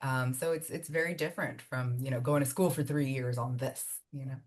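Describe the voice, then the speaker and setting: Low-voiced chatty woman, Spanish first language. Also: a little fast. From Miami, United States. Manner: chatty and animated, frequent fillers and laughs. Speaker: immigration attorney and law firm founder. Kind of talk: conversational interview answers.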